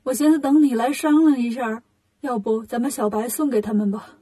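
A woman voicing a timid, fretful old male monk in a storybook reading, speaking softly and meekly. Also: on the high side, fairly quick, breathy edge. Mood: meek pleading.

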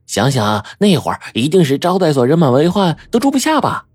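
A man's voice: a little high, wildly swooping pitch, a little fast, slightly rough, no room sound, voice pushed up, heavily acted. A man voicing a cheeky young woman who coaxes and feigns naive surprise. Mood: coaxing.

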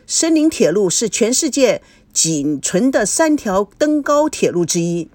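A woman's voice: mid-range voice, unhurried, dry recording. A woman narrating a novel in scripted storybook style, voicing every character. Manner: expressive, voices every character. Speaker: audiobook narrator.

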